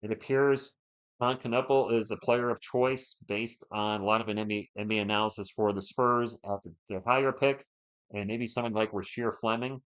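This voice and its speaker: A man with a low-ish, slightly bright voice and a sore throat is losing his voice while he casually narrates a basketball game live. In a chatty manner, he reads viewer chat and responds between plays, captured in dull lo-fi stream audio.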